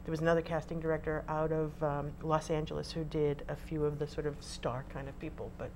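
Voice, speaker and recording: Woman, low voice, friendly interview guest; faint hum behind. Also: little pitch movement, brisk, darkish tone. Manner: friendly, explanatory. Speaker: casting director.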